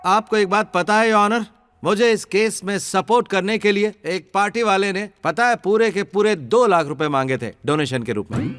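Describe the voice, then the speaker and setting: A man's voice: high-pitched, normal speed, noisy background, lightly acted. A man dubbing an earnest young businessman who argues his own case in court in a film. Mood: indignant. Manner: indignant, talks at length to the judge. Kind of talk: Hindi film dub.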